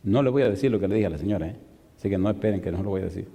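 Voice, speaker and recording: A male pastor preaching a sermon, telling a story with animated delivery and rhetorical questions to the congregation. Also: low-pitched, rapid-fire, gravelly. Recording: long reverb of a large hall.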